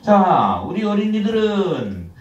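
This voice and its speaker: An older man narrates a children's puppet story in a lively, sing-song voice that swoops up and down. His voice sounds roomy and distant, as if picked up by a camera far across the room. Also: sits high, slow pace, highs cut off, soft background music.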